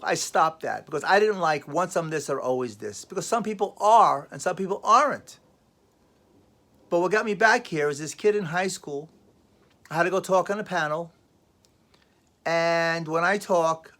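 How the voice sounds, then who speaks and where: Emphatic, rambling man with a higher voice. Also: fairly bright tone. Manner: rambling, emphatic, repeats phrases. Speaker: life coach. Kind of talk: casual motivational vlog talk.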